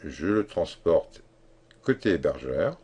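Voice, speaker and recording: A man giving a screen-recorded software tutorial, explaining step by step in a halting way with many fillers and restarts. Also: rumbling low, big pitch swings, husky, muffled recording. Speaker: tutorial instructor.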